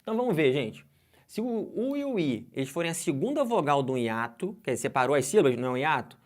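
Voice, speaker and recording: Lively Brazilian man teaching grammar. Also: on the high side, fast. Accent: Brazilian Portuguese. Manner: lively, asks the class questions, stretches out example words. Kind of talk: exam-prep grammar lesson.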